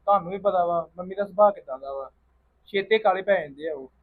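A man's voice: sits high, quick pace, narrow, tinny audio. A man playing a caring grandson who earnestly reassures his grandmother. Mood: reassuring. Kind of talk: family drama vlog acting.

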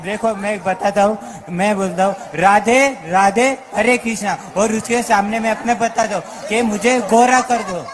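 A man's voice: high voice, level tone, moderate pace, a crowd in the background. A man talking as a devotee, calling out greetings and chatting eagerly.

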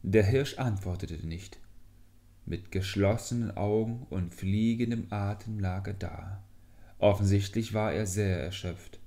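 A man reading a fairy tale aloud in a deliberate, expressive storybook manner. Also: fairly low pitch. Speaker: audiobook reader. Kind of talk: storybook narration.

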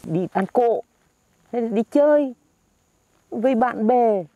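A woman's voice: a little high, takes it slowly, mellow, dry recording, lo-fi sound. A woman playing a stingy, grumpy old village grandfather who scolds bluntly in a comedy skit. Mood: grumbling.

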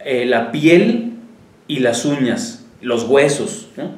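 A man's voice: mid-range voice, expressive, takes it slowly, echoey room. A man co-hosting a health talk show, reading out a listener's question and running through what a product contains. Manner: explains a product by listing its contents. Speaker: co-host.

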